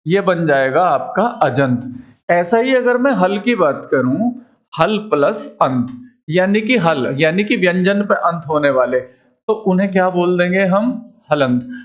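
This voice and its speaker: A man teaching a classroom lesson in a high voice. He asks a question and answers it himself, again and again. The audio is muffled and lo-fi. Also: lively intonation, unhurried. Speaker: Hindi teacher. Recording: dull lo-fi recording.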